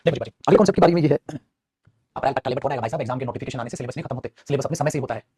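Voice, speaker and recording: A middle-aged man teaching English grammar in a live online class, talking rapidly, repeating himself and answering his own questions while calling students "beta". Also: mid-range voice, dark tone, slightly rough.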